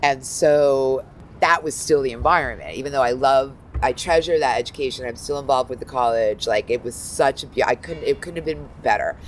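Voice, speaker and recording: A woman in her fifties, a guest art critic, talking in a lively, animated way full of asides. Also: a bass voice, fairly quick, slight background noise, poor audio. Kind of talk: casual interview talk.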